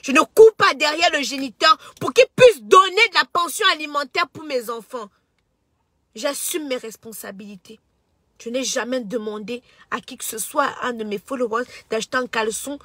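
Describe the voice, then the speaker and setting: Cameroonian woman in her thirties, high-pitched and sharp, preachy social media rant, dry close sound. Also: normal speed, dry recording. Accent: Cameroonian French. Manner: impassioned, preachy, stumbles and repeats words. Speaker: social media personality and entrepreneur. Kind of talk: emotional direct-to-camera social media monologue.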